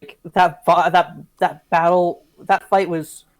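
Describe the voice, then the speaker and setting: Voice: mid-range voice, flat delivery, takes it slowly, a crowd in the background. A player at a tabletop game who talks casually, thinking aloud and hesitating with many fillers. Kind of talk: casual game play talk.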